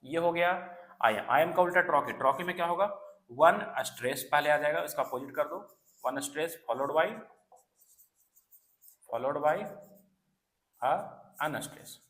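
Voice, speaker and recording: An exam prep teacher speaks unhurriedly, with long pauses, in a slightly high and somewhat bright voice. His lecture is repetitive on key terms, and he checks in with students using "है ना" and "clear". The sound is reverberant.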